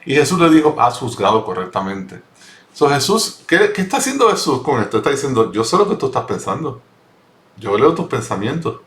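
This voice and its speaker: A man's voice: fairly high pitch, sing-song, brisk. Earnest male Bible teacher, roomy echo. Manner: earnest, repeats and rephrases phrases.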